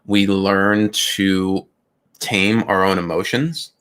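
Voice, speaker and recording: Male co-host, middle-aged, low voice, earnest and reflective self-help chat. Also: steady tone, slow, fairly bright tone, clear, resonant tone. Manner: earnest, reflective, with frequent restarts. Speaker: podcast co-host.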